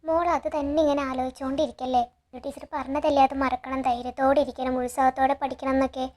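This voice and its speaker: A woman's voice: sits high, flat delivery, fast talker, a little mellow, lightly acted. A woman voicing a protective, blunt mother while retelling a TV serial. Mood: concerned.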